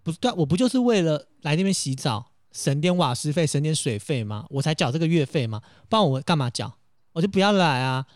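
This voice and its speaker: A man co-hosts a casual podcast, spinning stories in a high, swooping voice. He talks quickly and acts out both sides of the phone calls he retells. The sound is close and dry. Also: very animated, dry recording. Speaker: podcast co-host.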